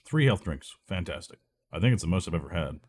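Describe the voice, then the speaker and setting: Still getting over a cold, this let's play gamer sounds stuffy, nasal and congested as he rambles through a video game. His low-pitched voice is darkish and slightly rough, and he's very animated, talking at a quick pace in casual commentary.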